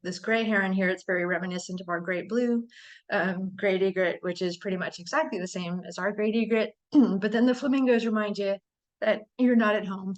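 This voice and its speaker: A North American woman gives a casual slide talk on birding while losing her voice, often clearing her throat and filling pauses with "um." Her medium-pitched delivery stays fairly even in intonation, yet she remains chatty and enthusiastic.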